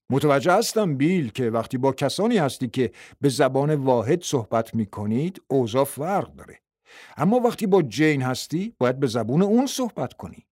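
A man reading a self-help book in a calm, explanatory narration, taking the part of the counselor. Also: a little high, dry recording, studio quality. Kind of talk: scripted narration.

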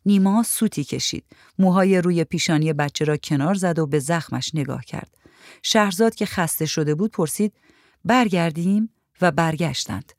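A woman narrates a literary short story in a measured, even reading. Her voice sits low for a woman. The recording is dry and close, with no room sound. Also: no echo.

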